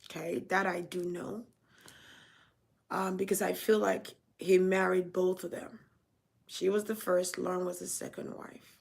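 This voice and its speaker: A woman's voice: fairly low pitch, little pitch movement, unhurried, vocal fry, a little mellow, slightly rough. A woman from Nigeria giving a spiritual reading to camera, talking chattily and often repeating and rephrasing herself. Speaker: spiritual reader. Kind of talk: casual psychic reading monologue.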